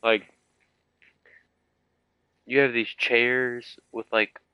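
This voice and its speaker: A man's voice: mid-range voice, flat delivery, extremely slow, smooth, dry recording, highs cut off. A young man streaming a video game, chatting casually and rambling with lots of fillers. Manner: rambling, filler-heavy storytelling. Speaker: gaming streamer. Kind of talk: casual chat while playing.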